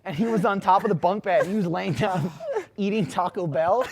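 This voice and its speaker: A man's voice: sits high, moderate pace, gravelly, slight background noise. A man telling casual anecdotes among friends, giggly and laughing through his words.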